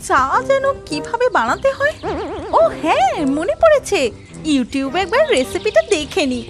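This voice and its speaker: Picture a spoiled young bride in a cartoon, whining in a very high, bouncy voice. She sounds petulant, and music plays behind her. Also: very animated, normal speed. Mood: whiny. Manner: whiny and petulant.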